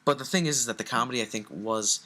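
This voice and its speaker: A man's voice: medium pitch, quick pace, pushed and bright. A young man co-hosting a horror movie review, chatting casually with a lot of ums and restarts. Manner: hesitant, many ums and restarts.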